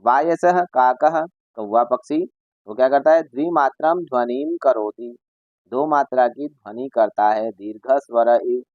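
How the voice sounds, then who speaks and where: Slow, patient male Sanskrit teacher. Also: medium pitch, no room sound, highs cut off. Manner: reads Sanskrit lines, then explains each in Hindi; addresses children directly and imitates bird calls. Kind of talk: explaining a school lesson.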